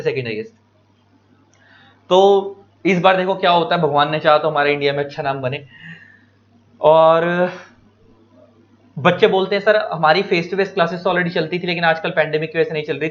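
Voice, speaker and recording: Male tutor, high voice, animated and repetitive exam-prep lecture, slightly muffled lo-fi recording. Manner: animated, repeats key points, mixes English terms into Hindi. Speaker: law teacher.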